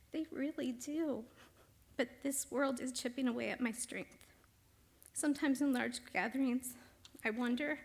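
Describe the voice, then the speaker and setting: Reading a personal essay aloud in the synagogue sanctuary, a soft-spoken middle-aged teacher from the congregation uses a high-pitched, creaky voice. She reads quietly and evenly, at times almost whispering.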